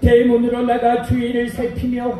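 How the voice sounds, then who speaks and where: A man with a very high, mellow voice narrates a live outdoor stage play in sing-song, declaiming byeonsa style. The sound is heavily echoing PA audio caught from far off, with faint background noise. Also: completely flat delivery, normal speed.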